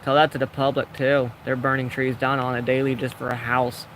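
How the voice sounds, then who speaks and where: A man's voice: mid-range voice, little pitch movement, a little fast, fairly bright tone, slight background noise. A young man giving casual, rambling commentary while playing a building game, often talking to himself. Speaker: gaming vlogger.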